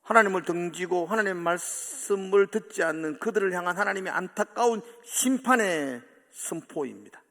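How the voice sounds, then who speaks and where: A man preaching a sermon as pastor, animated, acting out quoted voices with sudden swings from loud to soft. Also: sits high, moderate pace, hardly any pauses. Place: church sanctuary. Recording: long church hall reverb.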